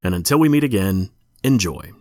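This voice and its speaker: A man's voice: low-pitched, lively intonation, brisk, dark tone, no room sound, studio quality. A tired man hosting a podcast, reading a plainspoken scripted introduction. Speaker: podcast host.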